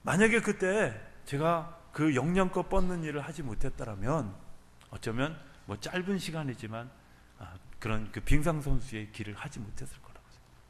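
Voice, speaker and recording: Korean pastor preaching in a reverberant church. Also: male voice, on the high side, expressive, moderate pace. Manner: swings from loud exhortation to soft near-whispers. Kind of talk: sermon. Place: church sanctuary. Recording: church hall with long reverb.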